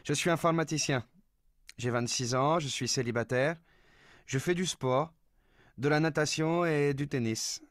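A man's voice: a little high, a little slow, dry recording, close to an everyday voice. Young male contestant, played by a man, matter-of-fact, dry audio. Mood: neutral. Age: 20s.

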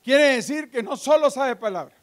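A male pastor preaching a live sermon in a church on a handheld mic, fervent, with joking asides, swinging between loud and hushed. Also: very high voice, lively intonation, normal speed. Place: church sanctuary. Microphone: handheld microphone.

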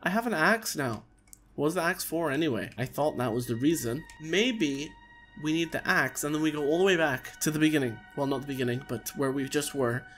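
A man's voice: fairly high pitch, brisk, fairly bright tone. A man in his thirties giving casual, jokey gameplay commentary, talking to himself on a close microphone. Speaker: let's player. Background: game music.

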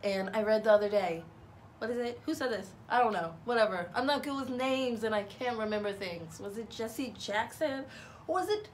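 A woman's voice: a little high, animated, moderate pace, a little hiss or hum. A young woman in a casual motivational vlog. She talks in a chatty, rambling way with many fillers and restarts, upbeat and self-deprecating. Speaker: cosplay vlogger.

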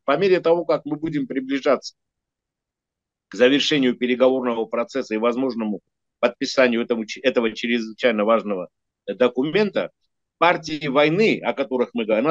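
An older man, a diplomat, giving measured political analysis in an interview, hesitating and correcting himself often. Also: fairly high pitch, no echo, highs cut off. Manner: measured, lecturing, many hesitations and self-corrections. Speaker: diplomat and regular guest analyst.

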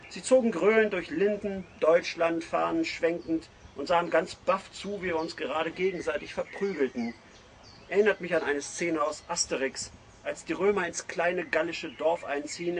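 A man's voice: a little high, slight background noise. A man with a northern German accent reading his own satirical column aloud in a sardonic, mocking way.

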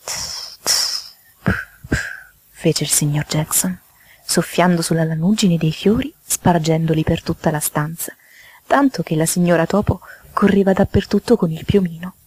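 A woman reading a children's fairy tale aloud in a soft, half-whispered way. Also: lowish voice, normal speed, breathy edge. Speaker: storyteller.

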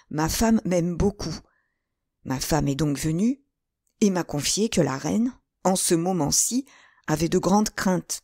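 A woman's voice: low voice, a little mellow, dry recording, studio quality. Woman voicing an anxious middle-aged landlord. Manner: anxious, hesitant and fussy. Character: nervous middle-aged male shopkeeper landlord.

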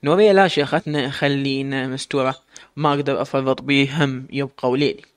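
Brief: humble worried mother, quick deferential speech, voiced by a man. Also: medium pitch, fairly even intonation, smooth, close to an everyday voice. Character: older servant mother, weary and humble.

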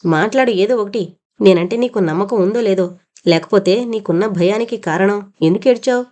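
Stern young guy, pushy and impatient, woman doing the voice, mellow storybook reading. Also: high voice, moderate pace, natural voice.

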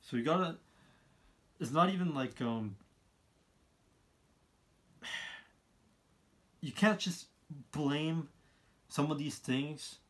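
A man, giving his opinions in a casual monologue, halting and often repeating himself as he rambles. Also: on the high side, animated, a bit bright. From Canada. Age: 20s. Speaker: vlogger, college student. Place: small room indoors, seated by a wall.

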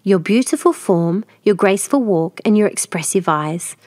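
A woman's voice: mid-range voice, animated, normal speed, darkish tone, dry recording, clean studio sound, lightly acted. A woman voicing a cruel, scheming old sea witch in a storybook reading, mocking and menacing.

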